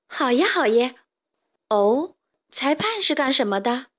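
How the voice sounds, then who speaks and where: A woman's voice: sits high, big pitch swings, a little slow, fairly bright tone, heavily acted. A woman doing a vain, bossy hen queen. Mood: excited, fussy. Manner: haughty, commanding, fussy.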